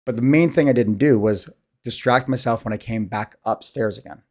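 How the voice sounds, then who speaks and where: A man's voice: medium pitch, normal speed, a little mellow. Man in his thirties, casual vlogger, rambling and candid, sighs often, mid-range voice. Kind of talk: casual monologue to camera.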